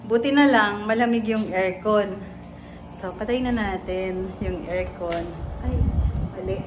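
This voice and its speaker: A woman chatting casually in a home vlog, talking to viewers and coaxing her puppy in a high sing-song voice. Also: measured pace, background noise. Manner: chatty, talks to viewers while doing chores. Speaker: vlogger. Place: home indoors, stairs and rooms.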